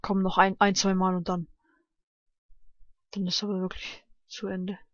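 A man commenting casually on a game he is playing, shouting and swearing when he fails and muttering quietly to calm himself down. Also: sits high, measured pace, muffled recording, noisy background. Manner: excitable, yelps and shouts at failures, swears. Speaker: let's play gamer.

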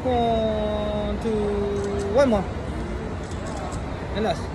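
A man's voice: sits high, level tone, very slow. A man with a Filipino accent working as a gondolier, bantering playfully with passengers outdoors. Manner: playful, teasing, mixes languages. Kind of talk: chatty tour banter and singing. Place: outdoors on a canal. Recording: loud outdoor crowd and music. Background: music and crowd noise.

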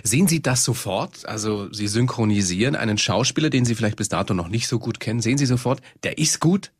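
A man's voice: lowish voice, animated, fast talker, slightly rough, dry recording, clean studio sound. A man interviewing a guest, asking probing questions and prompting with short replies.

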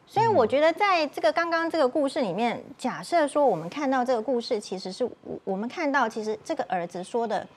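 A woman's voice: high voice, expressive, a little fast, few pauses, husky. A woman doctor with a Taiwanese Mandarin accent, giving thoughtful commentary on a talk show. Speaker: doctor guest.

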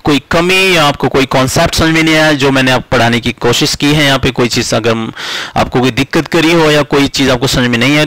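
A man teaching English in a video lesson, explaining in Hindi and slowly repeating example sentences. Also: medium pitch, fairly bright tone, no echo, poor audio. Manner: slow, deliberate repetition of English example sentences.

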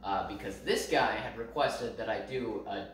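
A man's voice: lowish voice, moderate pace, fairly bright tone, a little hiss or hum. A man giving playful, mock-boastful opinions in a casual chat as co-host. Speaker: co-host and cameraman. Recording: very echoey room, far from the mic.

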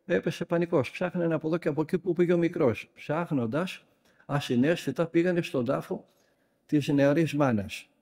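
A man, a monk, preaching a sermon, telling stories in a lively and emphatic way and sometimes scolding his listeners. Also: a little high, slightly rough. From Greece.

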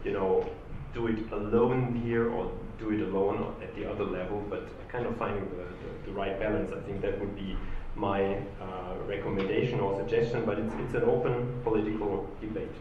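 A man on a panel shares his view, pausing often with fillers. His voice sits rather low. The recording sounds dull and distant, with strong room echo. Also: fairly even intonation, a little hiss or hum. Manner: hesitant, many fillers. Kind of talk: panel discussion answer.

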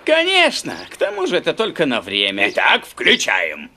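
A man voicing a stubborn, excitable father in a cartoon dub, bossing the kids around while he fixes things at home. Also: fairly high pitch, normal speed, noisy background. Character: fussy, proud suburban father fixing the antenna. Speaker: dub voice actor.

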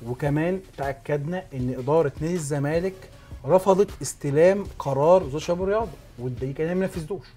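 Brief: male Egyptian sports host, somewhat high voice, emphatic explainer, faint music underneath. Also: very fast, mellow. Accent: Egyptian Arabic. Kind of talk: sports talk show discussion.

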